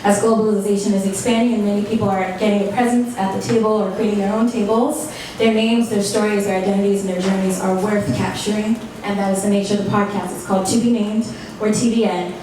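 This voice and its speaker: A woman hosting a live event, upbeat and drawing the crowd in. Her voice comes from a distance in a very echoey hall, with clear background noise. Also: medium pitch, flat delivery, fast, few pauses, mellow. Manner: upbeat, engaging the audience. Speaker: event host. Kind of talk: opening remarks at a live event. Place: large echoey event room indoors.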